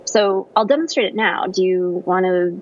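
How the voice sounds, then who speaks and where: A woman plays an earnest new-age wellness devotee phoning in to a radio show. Her voice is breathy and airy. It comes through a dull, lo-fi call line. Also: fairly low pitch, moderate pace.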